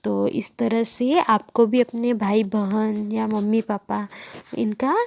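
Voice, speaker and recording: A woman's voice: fairly high pitch, little pitch movement, slow, vocal fry, a little mellow. A woman teacher reading a textbook story to children, asking questions and answering them herself.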